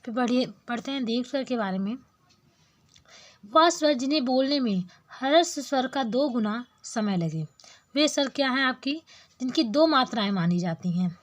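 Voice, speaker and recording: High-voiced woman teaching grammar. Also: animated, moderate pace. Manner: patient, repeats terms and examples; draws out vowel sounds as examples. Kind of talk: explanatory lesson.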